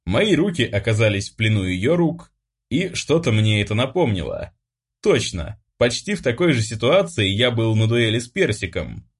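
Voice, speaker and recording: A man narrating a first-person audiobook in a wry, expressive storytelling manner. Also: lowish voice, normal speed, slightly rough.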